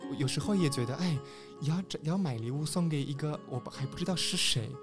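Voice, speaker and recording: A man's voice: a little high, fast talker. A man from Peru in a casual podcast chat, speaking Mandarin and hesitantly searching for words. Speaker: podcast panelist. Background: guitar music.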